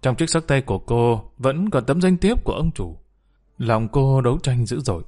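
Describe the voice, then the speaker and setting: A man narrating a scripted story in an even, dramatic storytelling manner. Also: medium pitch, normal speed.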